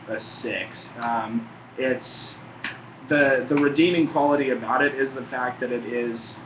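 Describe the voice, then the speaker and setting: A young man chats casually and rambles, swearing in a laid-back way, his lip packed with chewing tobacco. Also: mid-range voice. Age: young adult. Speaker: tobacco review vlogger. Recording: muffled, roomy, faintly noisy home recording.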